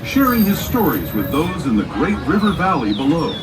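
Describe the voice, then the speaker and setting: Man narrating over an outdoor train loudspeaker. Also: moderate pace. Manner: folksy, lively storyteller. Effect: played over a train's outdoor loudspeaker. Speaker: ride narrator. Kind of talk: scripted tour narration. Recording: distant loudspeaker with train rumble.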